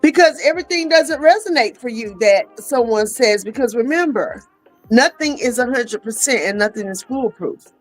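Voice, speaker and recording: A woman talks as a guest on a casual podcast. Her voice is fairly high, and she speaks in a preachy, emphatic way, calling people baby and honey. Faint music plays under her. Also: expressive, moderate pace, low-quality recording. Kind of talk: casual chat.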